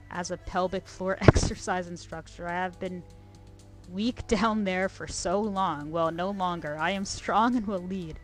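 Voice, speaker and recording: A woman's voice: fairly low pitch, lightly acted. A woman reading out a scornful, boastful middle-aged aunt in a haughty, sneering way.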